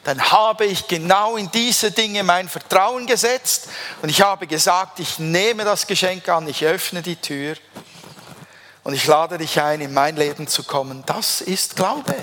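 A man delivers a sermon in a fairly high, bright, ringing voice. He is emphatic and draws out key phrases slowly for weight. His voice carries a long reverb, as in a large church hall. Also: slight background noise. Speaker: preacher.

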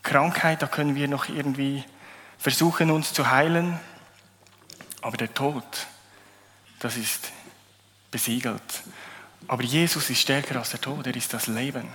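A man's voice: medium pitch, fairly even intonation, measured pace, pauses often, fairly bright tone, long reverb tail, a little hiss or hum. A man giving a sermon. He reads Bible verses aloud and talks about them in a conversational way, with a few slips and restarts. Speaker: preacher.

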